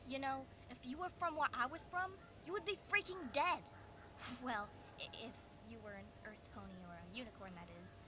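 A woman's voice: high-pitched, normal speed, natural voice. A woman voicing a brash, boastful female pegasus pony who brags and threatens playfully.

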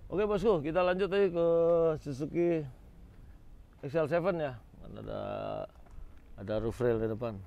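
Outdoors in a car lot, a man hosting a used car auction vlog walks around giving informal, exclamatory commentary straight to his viewers. His medium-pitched voice is creaky and dark, with slight background noise.

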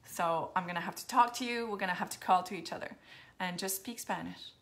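A woman's voice: lowish voice, moderate pace, fairly bright tone. A woman from New Brunswick with an Acadian French accent, chatting casually on a live stream as she answers viewers' comments and slips into English now and then. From New Brunswick, Canada. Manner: chatty, switches to English, drops to near-whispers now and then. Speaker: makeup seller hosting a Facebook live.

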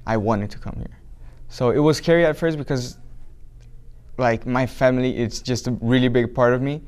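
Young Brazilian-accented man, hesitant documentary interviewee, smooth clear voice, mid pitch. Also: moderate pace, darkish tone. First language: Portuguese. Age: young adult. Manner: hesitant, many restarts and fillers. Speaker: documentary subject. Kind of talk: interview answers. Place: small indoor room with flag backdrop.

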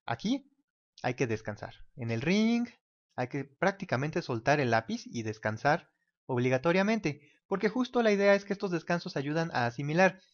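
Man explaining while drawing, lo-fi. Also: on the high side. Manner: casual, talks while drawing, mimics ticking clock. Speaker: teacher. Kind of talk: whiteboard explainer lesson. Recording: dull lo-fi recording.

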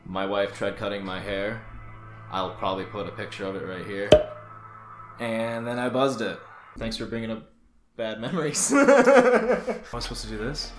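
A man hosting a co-op game playthrough who jokes around, giggles and gets excitable. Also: on the low side, normal speed, music in the background. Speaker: let's-play host. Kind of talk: co-op gameplay commentary. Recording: echoey room.

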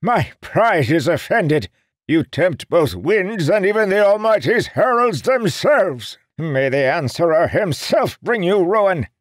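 A man's voice: medium pitch, slow, a little mellow, no echo, pitched above the performer's own voice, close to an everyday voice. A man doing a testy old fortune-teller. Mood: indignant, snapping. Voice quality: crotchety, huffy. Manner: raised, strained old voice. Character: irritable old male seer, pompous and testy.

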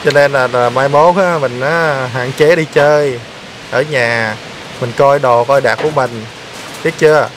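This man, hosting a vlog, speaks in a mid-range voice at a slightly slow pace as he teases and needles someone on camera with repeated questions. Background noise can be heard.

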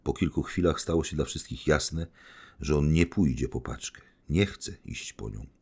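A man narrating an audiobook in a measured, dramatic reading style. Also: extremely low pitch, darkish tone, slightly rough. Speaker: audiobook reader.

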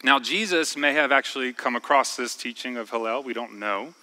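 A man preaching a sermon in a church, talking in a conversational way and slowing down to stress key words. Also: mid-range voice, bright, forceful tone, rough recording. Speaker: pastor. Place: church sanctuary.

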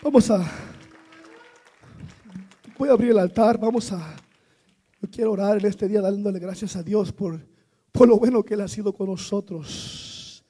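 A man preaching a Pentecostal sermon in church, building from quiet storytelling to shouted praise. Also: high-pitched, normal speed, pauses often.

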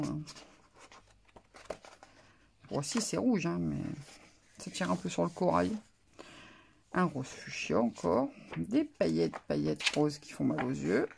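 A woman's voice: deep voice, creaky, a little mellow, slight background noise. A woman vlogger casually showing off a craft haul, talking in a hesitant, musing way with many fillers. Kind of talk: casual show-and-tell haul.

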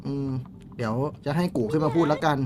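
A young man streaming a game live, chatting with viewers in a crude, swearing, excitable way. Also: on the high side, fast talker.

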